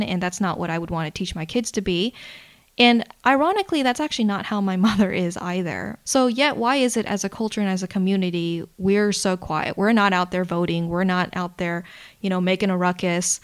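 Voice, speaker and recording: Woman, podcast host, solo monologue, candid, outspoken, casual fillers. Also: fairly low pitch. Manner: candid, outspoken, swears freely; mixes fillers like "you know" and "like" into fast talk.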